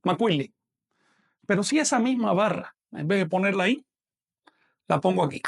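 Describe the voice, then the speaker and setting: A man's voice: high voice, lively intonation, moderate pace, creaky. A man teaching a live online lesson, patiently explaining step by step and asking questions that he then answers himself.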